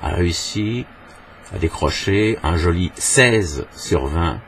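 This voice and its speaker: A man with a very deep voice delivers a scripted video lesson as a language trainer. He speaks in a measured way and often pauses on rhetorical questions. A faint hum of room ambience sits behind him. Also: lively intonation, a bit bright. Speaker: English trainer.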